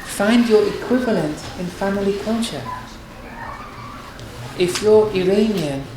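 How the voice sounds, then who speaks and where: A woman's voice: mid-range voice, a little slow. A woman giving an earnest religious lecture on marriage, counselling her listeners and often restarting her phrases. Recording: very echoey hall with noise.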